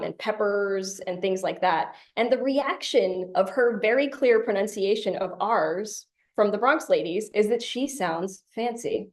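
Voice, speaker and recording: A woman presenting a conference tutorial, explaining ideas in a clear lecture style with light humorous asides. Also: mid-range voice, darkish tone. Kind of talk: academic lecture.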